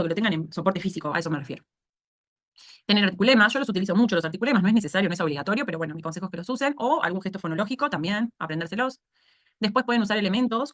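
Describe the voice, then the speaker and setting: Rioplatense woman, speech therapy instructor, rapid explanatory lecture style with frequent check-ins. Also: on the low side, fairly bright tone. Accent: Rioplatense Spanish. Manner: explanatory, asks "¿sí?" to check understanding. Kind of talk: online course lecture.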